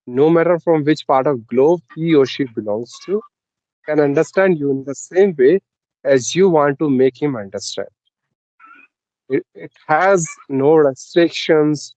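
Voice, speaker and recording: A man, explaining his views slowly and deliberately with pauses in a casual English practice discussion. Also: medium pitch, darkish tone, no echo. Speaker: English conversation partner. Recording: dull, lo-fi, dry sound.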